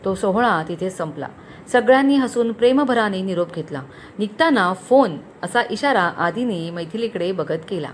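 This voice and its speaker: A woman storyteller narrating a romantic story in an expressive reading voice. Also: mid-range voice, normal speed, slight background noise.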